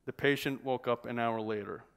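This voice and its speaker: Man, author, reading from a novel, measured, steady. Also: mid-range voice, creaky.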